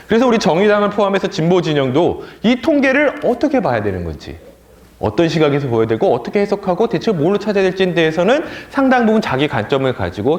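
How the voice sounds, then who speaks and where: A male lecturer teaching a political education class, with a slightly high voice that swoops up and down in lively bursts. He is animated and now and then mimics opponents in a sneering tone. The sound comes from an echoey lecture room.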